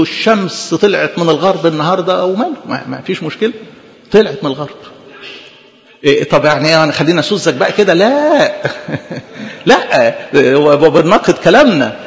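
Give me a rapid, high-pitched Egyptian preacher, lively and questioning, in a dull reverberant hall recording. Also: male voice. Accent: Egyptian Arabic. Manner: animated, conversational, rhetorical questions. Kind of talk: sermon.

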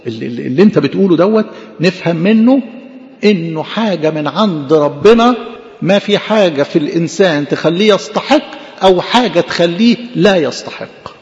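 A man's voice: high-pitched, lively intonation, brisk, darkish tone, long reverb tail, highs cut off. A man with an Egyptian Arabic accent preaching a sermon, asking questions and answering them himself in a conversational way.

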